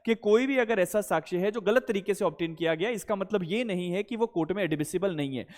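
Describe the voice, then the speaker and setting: Lecturing on law, a man with an Indian accent teaches by raising questions and answering them, dropping in English legal terms along the way. He talks fast in a high, slightly mellow voice, with long hall-like reverb around him.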